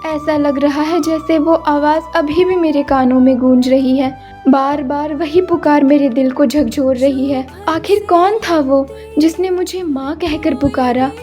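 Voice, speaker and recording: A woman's voice: high voice, fairly even intonation, a little slow, mellow, soft background music. A woman voicing a loving, worried middle-aged mother in a cartoon story, speaking in a soothing, tender way.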